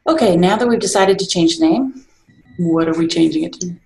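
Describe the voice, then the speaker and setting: A woman chairing a casual online group meeting, relaxed and chatty, laughing often. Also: fairly low pitch, a little fast, gravelly, roomy sound, slight background noise, poor audio. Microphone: video call.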